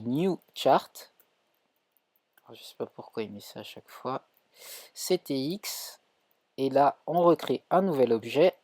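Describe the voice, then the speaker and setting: Slow, relaxed French man live coding. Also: mid-range voice, no room sound. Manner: thinks aloud with many fillers and self-corrections. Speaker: coding instructor streaming.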